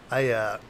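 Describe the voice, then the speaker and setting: A slightly hungover man with a phlegmy throat, hosting a casual craft livestream in a halting, distracted, apologetic way while he works and chats to viewers. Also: medium pitch, fairly bright tone, slight background noise. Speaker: livestream host, craft demonstrator.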